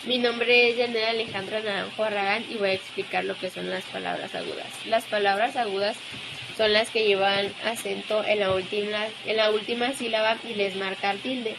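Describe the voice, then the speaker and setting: A student woman presenting a class lesson, slowly and carefully reading out lists of example words. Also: mid-range voice, fairly even intonation. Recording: clear background noise, sizzling.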